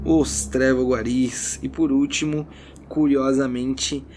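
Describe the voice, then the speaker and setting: Here the Brazilian game master's voice sits at medium pitch, delivered flatly and slowly over a noisy background. He narrates a tabletop role-playing game with theatrical suspense and casual chatter, loud music running under his voice.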